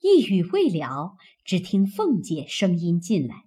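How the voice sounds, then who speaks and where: Slow, husky woman reading a classic novel. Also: fairly low pitch. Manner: expressive, teasing in the maid's lines. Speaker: audiobook narrator.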